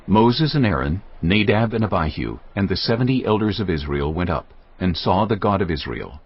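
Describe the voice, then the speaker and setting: Deep, lively male scripture narrator. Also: normal speed, breathy edge. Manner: expressive storytelling delivery. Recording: dull lo-fi audio, faint music.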